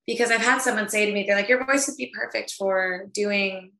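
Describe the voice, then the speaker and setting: Woman, interview guest, laid-back and chatty, bright tone, roomy video-call sound. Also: mid-range voice, fairly quick, vocal fry. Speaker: guest, event planner. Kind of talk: casual interview chat. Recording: echoey room.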